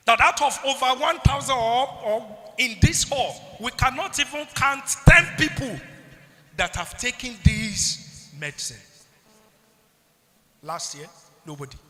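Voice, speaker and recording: A Nigerian man addresses a youth conference on public health, throwing rhetorical questions at the audience and repeatedly asking "what?" to draw their answers. His voice sits high, bright and forceful, echoing with the reverb of the large hall.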